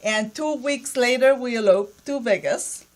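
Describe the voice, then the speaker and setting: A cheerful woman in her forties with a somewhat high voice. She tells her story with giggles at a studio boom-arm mic. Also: unhurried. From Colombia. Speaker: guest, entrepreneur. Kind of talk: casual studio talk show chat. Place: small studio with table mics.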